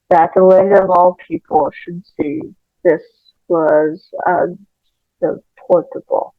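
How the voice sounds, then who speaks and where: A woman's voice: lowish voice, creaky, dry recording. A woman reading an audiobook aloud as an amateur narrator, careful, with occasional stumbles over words. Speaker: audiobook reader. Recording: tinny phone-like home recording.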